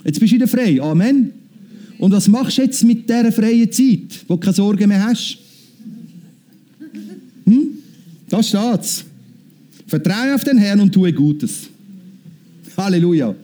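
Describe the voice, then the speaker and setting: A male preacher delivering a sermon in a fairly high voice with a deep, mellow warmth. He presses his points home through repetition and calls out amen and hallelujah along the way. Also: expressive, unhurried, long pauses. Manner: emphatic, repeats phrases, calls out amen and hallelujah.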